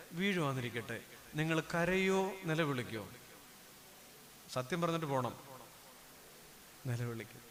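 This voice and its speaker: A priest preaching a sermon, a man who swings from loud declamation down to low hushed asides. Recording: long hall reverb.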